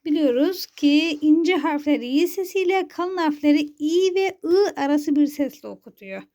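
A woman teaching Quran reading, pronouncing each syllable slowly and patiently so listeners can repeat after her. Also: high-pitched, lively intonation, warm tone. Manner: patient, drawn-out syllables for repetition. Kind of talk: slow syllable-by-syllable recitation lesson.

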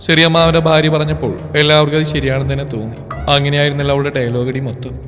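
A man reading a romance story aloud in a slow, emotive narration. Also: on the high side, little pitch movement, fairly bright tone. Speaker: story presenter. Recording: reverb with background music.

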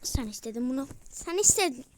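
A woman giving excitable commentary while playing a football video game, shouting, chanting and now and then dropping to whispers. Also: high voice, fairly quick, slight background noise. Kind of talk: excited let's-play commentary.

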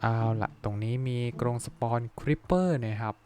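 A young man giving polite, chatty let's-play commentary, breaking into excited outbursts. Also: medium pitch, moderate pace, soft background music. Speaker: gaming YouTuber.

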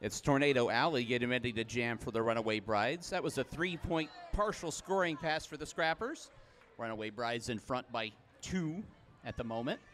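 A man calls the action as a play-by-play commentator, voice sitting at an ordinary middle pitch. His calls are brisk and matter-of-fact, then spring upward in pitch and volume when a big play happens. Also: lively intonation, fairly bright tone, slight background noise. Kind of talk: live sports commentary.

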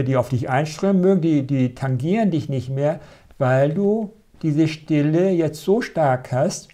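A man giving a live spiritual talk as a meditation teacher, calm and gently reassuring, often checking in with a questioning tag. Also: on the high side.

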